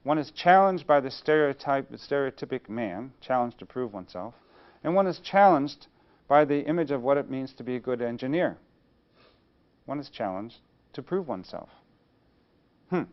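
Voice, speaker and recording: Male lecturer, mid-pitched voice, rhetorical question-and-answer lecture style, slightly muffled recording. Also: expressive, moderate pace, smooth. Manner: rhetorical, poses questions then answers them. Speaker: engineering studies lecturer. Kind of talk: university lecture.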